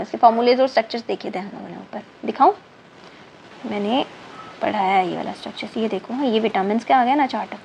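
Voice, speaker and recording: A woman's voice: fairly high pitch, creaky, a little mellow, rough recording. A woman teaching an online chemistry class, counting aloud, spelling out words letter by letter and repeating terms, often mixing in English words and checking in with her students. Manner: mixes in English terms and checks in with "thik hai na". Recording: faint background noise.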